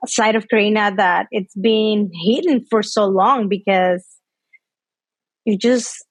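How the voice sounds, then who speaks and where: In this dry recording, a woman in her thirties from Mexico, whose first language is Spanish, chats in English as a podcast guest. Her pitch is medium, her intonation fairly even, and her pace slow. The casual interview talk is full of fillers and frequent laughter.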